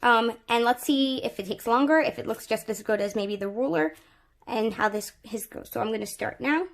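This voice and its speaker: A woman with a slightly high voice talks through a craft tutorial while her hands stay busy. She chats loosely, thinking aloud, with plenty of fillers and restarts. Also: normal speed, creaky. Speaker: craft channel host. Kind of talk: casual craft tutorial talk.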